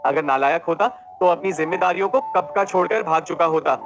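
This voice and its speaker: A man's voice: a little high, brisk, dull audio, background noise, natural voice. A man doing an emotional young woman. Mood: indignant. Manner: tearful, defensive pleading.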